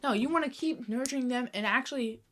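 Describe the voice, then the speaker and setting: A woman co-hosting a casual podcast, chatty and enthusiastic, quick to tease her co-host. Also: high-pitched.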